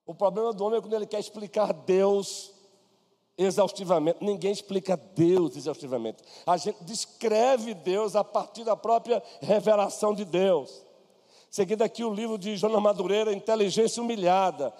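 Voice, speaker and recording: A man's voice: high-pitched, normal speed, mellow. A man with a Brazilian Portuguese accent preaching a sermon, chatting to the congregation by name and mixing in personal stories. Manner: conversational preaching, addresses listeners by name. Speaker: pastor. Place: church hall. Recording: long hall reverb.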